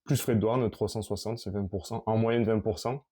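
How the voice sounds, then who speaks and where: Here a man gives a casual on-camera tour of his collection, his speech halting and wandering with plenty of false starts. The voice sits lowish, even, and warm.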